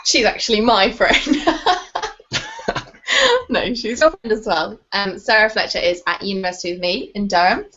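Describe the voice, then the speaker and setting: A woman's voice: medium pitch, moderate pace, a bit bright. A young woman in her student years co-hosts a livestream, talking in a chatty, upbeat manner. Her voice sits mid-range for a woman, and the sound is dull and lo-fi. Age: young adult. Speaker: co-host and student. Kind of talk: casual chat.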